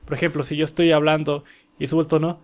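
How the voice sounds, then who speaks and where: Young guy vocal coach, voice a bit high, explains singing technique and sings little bits to show it. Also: little pitch movement, fast. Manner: explains with sung demonstrations. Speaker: vocal coach analyzing a singer. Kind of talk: casual vocal technique breakdown.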